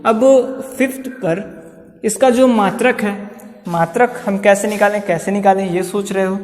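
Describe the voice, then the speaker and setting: A man's voice: high-pitched, fairly even intonation, unhurried, big-room sound. A man with an Uttar Pradesh Hindi accent teaches a physics lesson at a board, repeating key terms and checking in with students. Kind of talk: blackboard lecture.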